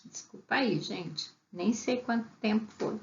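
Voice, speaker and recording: A woman teaching a literature class, chatty and lively, often checking in with her students. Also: a little high, a little slow, vocal fry, echoey room, muffled recording. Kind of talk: online class lecture.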